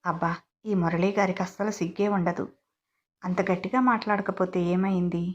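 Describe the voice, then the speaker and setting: Woman reading a shy young bride, soft, bashful, slightly dull recording. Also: fairly low pitch, fairly even intonation, normal speed, close to an everyday voice.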